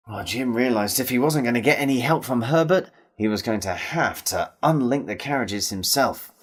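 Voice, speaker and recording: A man with an English accent narrates a children's folk tale with a lively, swooping voice. He builds tension and talks straight to the listeners, asking for their help. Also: medium pitch. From England. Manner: animated, dramatic, involving the audience. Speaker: storyteller. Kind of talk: storytelling for children.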